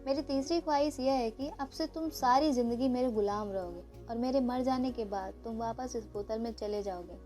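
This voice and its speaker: A woman's voice: on the high side, normal speed, few pauses, warm tone, faint music behind, lightly acted. A woman voicing a clever sultan in a storybook tale, speaking in a decisive, commanding way. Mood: firm. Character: clever sultan, once poor, firm and resolute.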